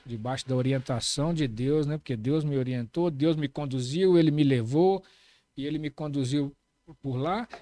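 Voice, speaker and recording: A man's voice: a little high, darkish tone. A middle-aged man, a police chief telling anecdotes in a casual interview, repeating key phrases and tagging lines with "né".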